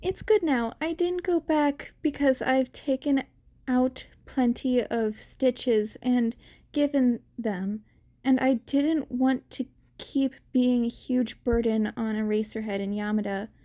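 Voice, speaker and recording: Woman reading a nervous rambling teen boy, podfic, slow and mellow. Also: on the high side. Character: anxious rambling teenage boy hero.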